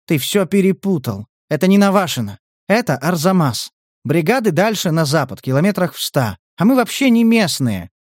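Guy playing a calm merc talking a kid down, coaxing, a bit higher. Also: normal speed, no echo, clean studio sound. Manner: coaxing, persuasive. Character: calm, reasoning young mercenary negotiator.

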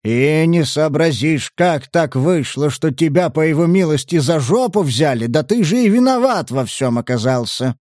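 A man's voice: fairly high pitch, animated, moderate pace, hardly any pauses, darkish tone, no echo, studio quality, natural voice. A man voicing a coarse, indignant middle-aged male abbot in an audiobook. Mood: grumbling.

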